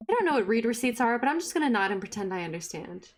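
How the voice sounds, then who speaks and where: A woman reading the lines of a clueless but kindly single father, bemused and gentle. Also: on the high side, big pitch swings, racing, slight background noise.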